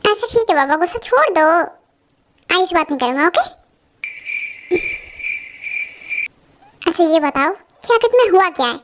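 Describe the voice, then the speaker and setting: A woman's voice: very high voice, expressive, quick pace. A woman dubbing a bossy, teasing male college professor in a Hindi fan drama. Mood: coaxing. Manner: bossy, then coaxing. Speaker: voice dubber.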